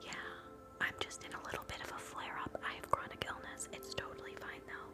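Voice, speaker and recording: Softly whispering woman, ASMR host. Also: over loud music. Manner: soft unvoiced whisper, gentle and slow; chats with live viewers between steps. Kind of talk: whispered ASMR role play.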